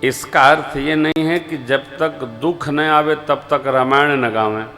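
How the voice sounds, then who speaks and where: A man giving a devotional sermon as a Ram Katha preacher, slow and emphatic, swinging between soft asides and loud rising exclamations, and drawing out chanted scripture verses. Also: on the high side, steady tone, soft background music.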